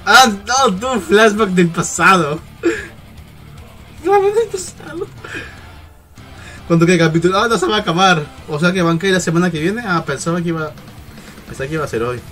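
Young guy freaking out over anime, bit high voice, loud exclamations, faint music under. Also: fast talker. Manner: emotional, exclamatory, swings from shouts to murmurs. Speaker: anime reaction youtuber. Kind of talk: excited reaction commentary.

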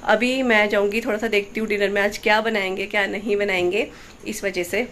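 A woman's voice: mid-range voice, steady tone, fairly quick, fairly bright tone, slight background noise. A woman from India, a mother, chatting casually through a home vlog in a homely, rambling way. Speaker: vlogger, mother. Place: family home.

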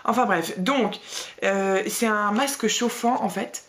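A woman's voice: medium pitch, slow, a bit bright, slight background noise. A young woman vlogging a casual beauty box review, chatty and blunt, with slangy asides and lots of fillers.

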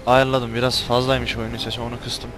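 A man doing casual let's-play commentary, crude and swearing, with loud angry outbursts at the game. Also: mid-range voice, flat delivery, fairly quick, background noise. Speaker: gameplay commentator. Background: game music and sound effects.

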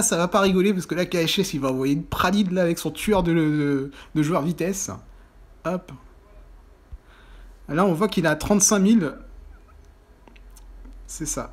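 A man giving excitable commentary over a football video game he is playing, often breaking into loud exclamations and groans. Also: fairly high pitch, moderate pace, long pauses, breathy edge. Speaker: gaming YouTuber. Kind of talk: mobile football gameplay commentary.

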